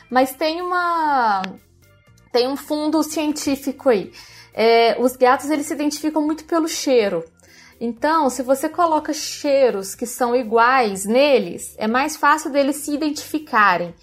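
A woman's voice: sits high, measured pace, soft background music. A Brazilian woman hosting a pet podcast, explaining cat behavior in a casual, friendly way. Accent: Brazilian Portuguese. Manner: explanatory, friendly, restarts phrases. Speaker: podcast host, pet expert.

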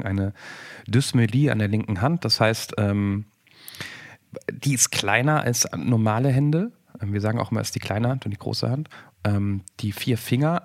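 A man in his forties with a lowish, gravelly voice co-hosts a podcast, talking casually and thoughtfully. He rambles, often restarting sentences and using fillers.

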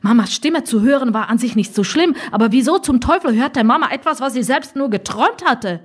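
A woman narrates an audiobook with a somewhat high, husky voice. Her reading is expressive and wry, and she leans into the dry humor of the text. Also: a little fast.

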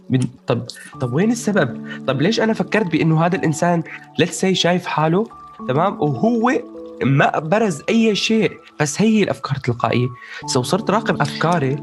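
A man with a fairly high-pitched voice and a Levantine Arabic accent chats casually about his personal experience. He explains things as he goes, checks in with the listener and drops English words into his speech.

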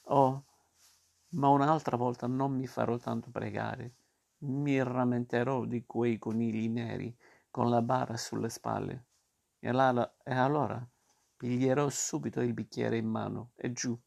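A man's voice: mid-range voice, steady tone, unhurried, gravelly, darkish tone. A man reading a storybook aloud and voicing a stubborn, whiny wooden puppet boy in a raised voice. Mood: cheerful. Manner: whiny, protesting.

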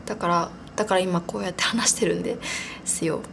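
A woman's voice: on the low side, fairly even intonation, a little fast, gravelly, background noise. A young woman in her twenties hosting a casual solo podcast, chatting in a rambling, giggly, self-deprecating way. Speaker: podcast host.

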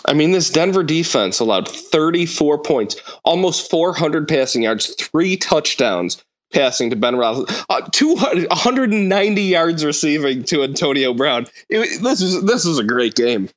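A man's voice: fairly high pitch, very animated, moderate pace, hardly any pauses, lo-fi sound. A man co-hosting a sports podcast on a mic, bantering wryly and casually. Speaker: podcast co-host.

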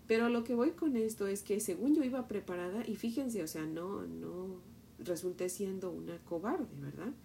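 A middle-aged Mexican woman with a Mexican accent, teaching from the Bible and telling a personal story in an animated way, often asking "¿verdad?". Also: mid-range voice, a little hiss or hum.

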